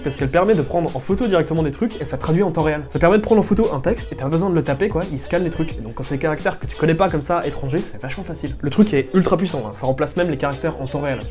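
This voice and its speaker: Fast-talking French tech vlogger. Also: male voice, fairly high pitch. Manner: fast, chatty and excited, with slangy asides. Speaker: tech YouTuber. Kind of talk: casual investigative vlog narration.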